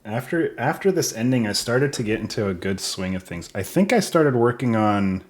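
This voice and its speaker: A man's voice: medium pitch, expressive, moderate pace. A young man giving casual developer commentary over his game, thinking aloud and unsure of the order.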